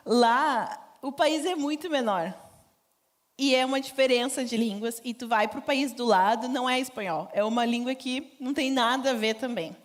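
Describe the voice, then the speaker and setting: A woman giving a conversational church mission talk, informal and laughing often. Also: on the high side. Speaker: missionary speaker. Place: church stage.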